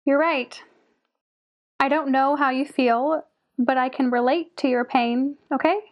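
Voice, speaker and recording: A woman playing a young woman who comforts a grieving friend in an audio drama. She speaks plainly and directly, with a high voice. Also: steady tone, measured pace, dull audio. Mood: consoling.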